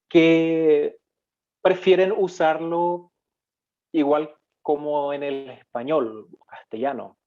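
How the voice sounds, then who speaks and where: A man from Paraguay teaching a live online language class. He talks slowly and patiently, explaining each point and stopping to correct himself. The recording sounds a bit dull and lo-fi. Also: medium pitch, a little mellow. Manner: explanatory, with frequent fillers and self-corrections. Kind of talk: live online lesson, reading comments.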